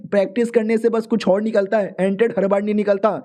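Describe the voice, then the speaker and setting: A man voicing a stubborn young male swordsman who reacts excitedly in a slightly raised voice. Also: high-pitched, a little fast, voice pushed up, close to an everyday voice.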